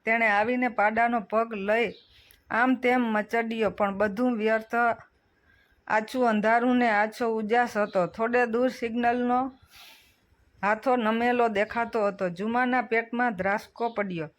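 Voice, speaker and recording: A storyteller giving a steady, measured reading of a scripted short story. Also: mid-range voice.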